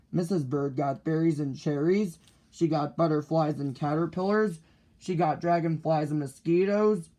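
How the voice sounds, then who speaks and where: Slow, deliberate man reading a picture book. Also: fairly high pitch, darkish tone. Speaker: storybook reader. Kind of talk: reading a children's book aloud.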